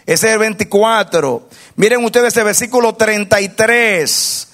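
A man with a high-pitched voice preaches a sermon as pastor. He calls out questions and has the congregation repeat the answers back to him. His delivery swings between low, quiet stretches and loud, ringing exhortation. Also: unhurried. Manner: call-and-response preaching, asks the congregation to repeat.

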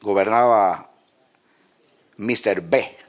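A man from the Republic, preaching as a pastor and telling lively personal stories. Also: on the low side, very slow. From Dominican Republic. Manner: lively storyteller, acts out dialogue and laughs at his own stories. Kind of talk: sermon with personal anecdotes.

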